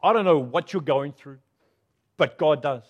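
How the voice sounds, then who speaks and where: A middle-aged man preaching a sermon as pastor, earnest and self-deprecating, moving between loud appeals and hushed moments. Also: on the high side, moderate pace, husky, muffled recording.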